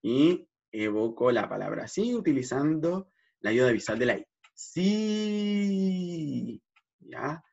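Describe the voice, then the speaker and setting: The speaker is a speech therapist whose mid-range voice is sing-song, creaky, a little mellow, and breathy at the edges, moving at a normal speed. He explains vowel gestures in a lesson, checking in often and over-articulating sounds to demonstrate them, and the recording is dull and lo-fi.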